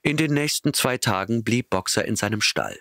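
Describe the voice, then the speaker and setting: Man narrating an audiobook, really low voice, dry close sound, steady reading. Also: normal speed, no echo. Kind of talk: scripted narration.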